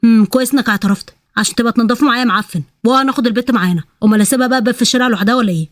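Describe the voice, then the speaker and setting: A woman voicing a soft-hearted but stubborn male thief who speaks Egyptian Arabic. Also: a little high, rapid-fire, no echo, studio quality, natural voice. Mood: insistent. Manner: insistent, gentle.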